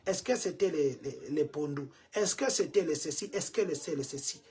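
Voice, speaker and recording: A Congolese man in Chicago, speaking with a Congolese French accent, records vlog commentary for the diaspora, preaching to his community and repeating himself with rhetorical questions. His voice is a little high and a little mellow, with a breathy edge, at normal speed.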